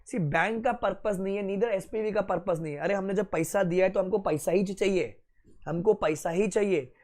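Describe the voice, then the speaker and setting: A man lectures a class in a playful, quizzing way. He keeps asking questions and answers them himself, switching between Hindi and English. His voice sits high for a man. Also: moderate pace, darkish tone. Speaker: teacher.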